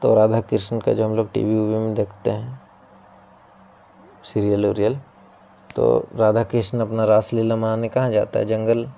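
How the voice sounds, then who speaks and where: His voice is lowish, warm and gravelly, with a completely flat delivery at a moderate pace and long pauses. He is teaching an exam-prep class, using playful memory tricks and regularly checking in with students in this coaching-class lesson.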